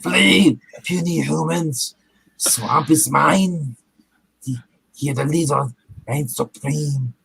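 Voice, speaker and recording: A man's voice: fairly high pitch, slow pace, gravelly, a bit bright, husky, full character voice, low-quality recording. A man voicing a menacing male lizard monster who hurls grandiose threats in a comic read-along. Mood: gloating.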